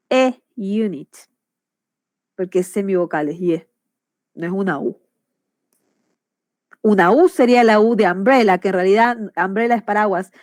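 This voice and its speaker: A woman's voice: mid-range voice, darkish tone, dry recording, studio quality. A woman teacher, patiently explaining English grammar in class and often checking that students follow.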